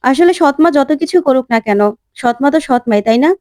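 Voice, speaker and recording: A woman's voice: high-pitched, lively intonation, fairly quick, darkish tone, no echo, clean studio sound. A woman voicing an elderly grandmother who is a dramatic, bitter stepmother, speaking in a pleading, reproachful way.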